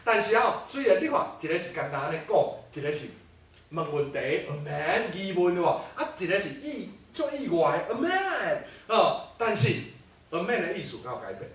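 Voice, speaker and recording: A man lectures a class in an animated way, often throwing rhetorical questions at the room. His voice is high and swings widely in pitch. It comes from far off in a strongly echoing hall. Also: brisk.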